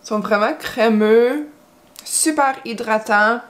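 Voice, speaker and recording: Slow, hesitant woman from Quebec, English speaker in French. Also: fairly high pitch, slight background noise. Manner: hesitant and chatty, with many restarts and fillers. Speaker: beauty vlogger. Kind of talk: casual chat while doing makeup.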